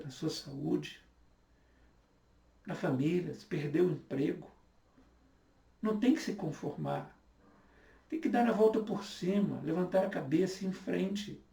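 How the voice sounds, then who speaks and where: A man in his fifties gives a sermon in an earnest, repetitive way. His voice is fairly high and gravelly. He is recorded from a distance in an echoey room. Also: warm tone. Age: 50s. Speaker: pastor.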